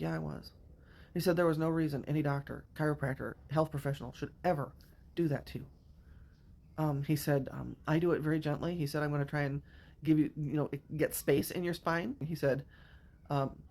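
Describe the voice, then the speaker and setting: A woman in her fifties from the Midwestern United States, telling a personal story to camera in a candid, emotional and blunt way, with some swearing. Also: deep voice. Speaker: vlogger. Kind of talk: casual storytime monologue.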